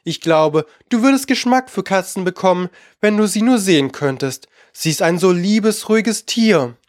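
A man's voice: high-pitched, animated, moderate pace, no echo, studio quality. A man voicing a polite, curious young girl who talks eagerly and coaxingly.

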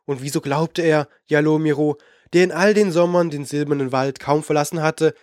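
A man reading fantasy narration for an audiobook in a measured, dramatic way. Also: a little high, fairly even intonation, darkish tone, dry recording, clean studio sound. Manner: measured, dramatic, slowing for suspense.

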